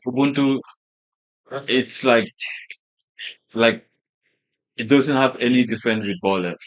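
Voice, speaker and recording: Guesting in a casual interview, this fashion brand founder from Gambia, a native Wolof speaker, often uses fillers and restarts his sentences. He has a lowish voice, and the recording is rough.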